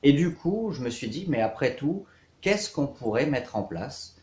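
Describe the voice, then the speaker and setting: A riding coach in his thirties from south-east France introduces himself to camera for an online course, following a scripted outline in measured, hesitant short phrases. His medium-pitched, darkish voice is very animated, and the room is echoey and reverberant.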